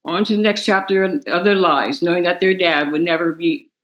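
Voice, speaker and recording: A woman's voice: fairly low pitch, a bit bright, muffled recording. Young woman reading an emotional statement. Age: young adult. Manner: emotional, halting, restarts words. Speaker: victim's daughter giving impact statement. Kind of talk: reading a prepared statement aloud. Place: courtroom.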